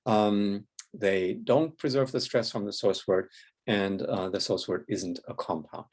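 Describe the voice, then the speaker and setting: A man's voice: fairly low pitch, measured pace, a little mellow. Methodical male lecturer. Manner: methodical, frequent tag "yeah?" and "uh" fillers. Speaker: linguistics lecturer. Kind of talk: recorded academic lecture. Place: indoors, room near a window with rain outside.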